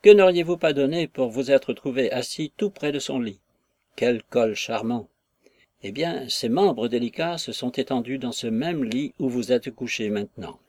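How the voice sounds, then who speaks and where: A man's voice: medium pitch, normal speed, a little mellow, dry recording, close to an everyday voice. A man voicing a chatty, gossiping female innkeeper who rattles on with exclamations, in an audiobook reading of a classic novel. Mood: gossipy. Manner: garrulous, wheedling, full of exclamations.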